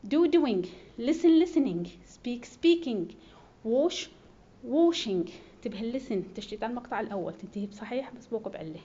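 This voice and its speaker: A woman's voice: on the high side, animated, warm tone. Woman teacher. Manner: reads English rules slowly, explains them fast in Arabic. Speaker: English teacher. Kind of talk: bilingual grammar lecture. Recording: dull lo-fi recording with faint noise.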